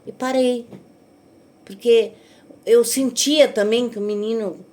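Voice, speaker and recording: Uma mulher mais velha com sotaque brasileiro, desabafando com os seguidores num vídeo e imitando as falas dos outros com animação. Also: female voice, fairly high pitch, slow. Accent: Brazilian Portuguese. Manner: animated storytelling, acts out quotes of others. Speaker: vlogger. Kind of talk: venting monologue to viewers.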